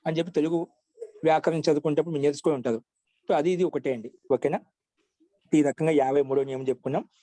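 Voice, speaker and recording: A man's voice: on the high side, steady tone, mellow, no room sound. Patient man teaching grammar, dry sound. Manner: patient, repeats each example slowly; asks students for confirmation often. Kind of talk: online class lecture.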